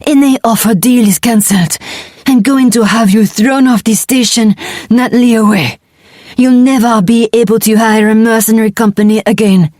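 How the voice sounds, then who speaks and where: A woman voicing a sleazy, cowardly male noble who croaks out panicky threats. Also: fairly high pitch, steady tone, normal speed, a little mellow, no echo, clean studio sound, voice pushed up, close to an everyday voice. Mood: furious.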